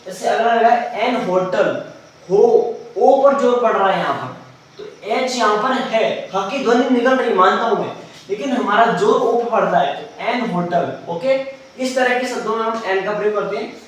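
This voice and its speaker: High-voiced male teacher in echoey room. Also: moderate pace, fairly bright tone. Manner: asks his own questions and answers them; explains step by step, mixing in English terms. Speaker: English grammar teacher. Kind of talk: classroom lesson. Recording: very echoey room, mic far off, faint noise.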